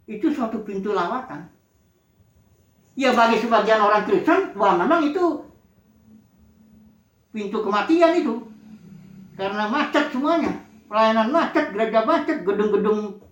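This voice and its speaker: A woman's voice: on the high side, fairly bright tone. A woman preaching a sermon, telling the story expressively and acting out the quoted cries. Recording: echoey room, dull lo-fi sound.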